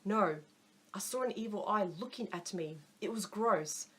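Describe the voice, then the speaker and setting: An anxious young man from a spoken story, read by a woman in her own voice. He sounds uneasy and earnest, at a medium pitch. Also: measured pace, a bit bright, close to an everyday voice. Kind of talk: audiobook narration.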